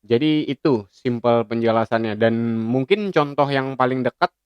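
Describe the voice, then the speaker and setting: A young man from Banjarmasin talks viewers through a lesson in a laid-back, chatty way. He fills his pauses with hesitations. His voice is smooth and clean, but the recording is dry and a little dull. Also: medium pitch, no echo. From Banjarmasin, South Kalimantan. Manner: relaxed, chatty, frequent hesitation fillers and slang asides. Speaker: presenter explaining a language topic. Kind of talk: casual explainer talk to viewers.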